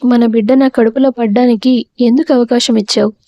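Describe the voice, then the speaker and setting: A woman's voice: on the high side, fairly even intonation, fairly quick, dark tone, dry recording, dull audio, lightly acted. A woman voicing a hurt, pregnant young wife who speaks in bitter reproach in an audio story.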